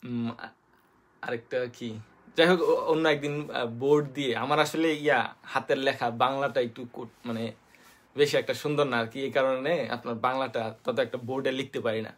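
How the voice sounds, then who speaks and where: A man from Bangladesh with a Bangladeshi Bengali accent, hosting a casual live-stream lesson on basic Japanese. He talks hesitantly with many fillers, spells letters out slowly, and greets viewers by name. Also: mid-range voice, fairly even intonation. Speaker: host teaching basic Japanese.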